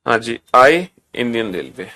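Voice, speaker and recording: A man's voice: mid-range voice, animated, a little slow, bright, forceful tone. A male teacher giving an exam-prep lecture, repeating instructions again and again and calling the students "beta". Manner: repetitive drilling instructions, calls students beta.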